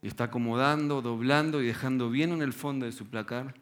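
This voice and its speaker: A man's voice: medium pitch, brisk. A man preaching a sermon in a conversational Rioplatense accent, using casual slang and rhetorical questions. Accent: Rioplatense Spanish.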